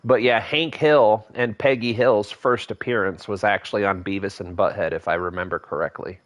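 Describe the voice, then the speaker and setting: This game streamer, a man in his thirties, speaks at an ordinary pace with a lowish, steady voice, rambling casually and thinking aloud as he builds in a space game. The recording sounds muffled.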